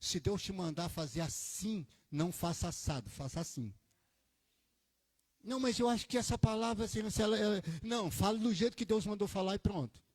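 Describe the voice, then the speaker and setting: A male pastor, preaching a sermon and telling a story in an animated way, moving from quiet asides to loud, emphatic peaks. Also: high-pitched, a little fast, slightly rough, dry recording. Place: church.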